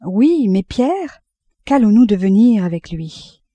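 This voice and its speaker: An anguished middle-aged mother, pleading and fearful, her voice warm and dark as it swells with feeling, read by a woman. The sound is close and dry, with no room around it. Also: mid-range voice, big pitch swings, slow pace, no room sound. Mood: panicked. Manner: impassioned, pleading, breaking with emotion.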